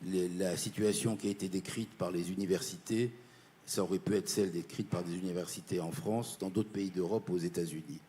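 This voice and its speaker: A man's voice: low-pitched, steady tone, fairly quick, dark tone, slight background noise. Earnest man from Morocco giving a speech. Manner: earnest and insistent, repeating key points. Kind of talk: formal panel speech. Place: conference panel.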